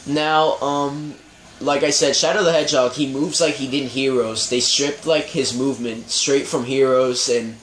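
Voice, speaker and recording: A man's voice: mid-range voice, fairly even intonation, normal speed, a bit bright. A young man hosting a casual gaming discussion, opinionated and rambling, often hedging with "I mean". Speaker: podcast host. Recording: echoey room with faint noise.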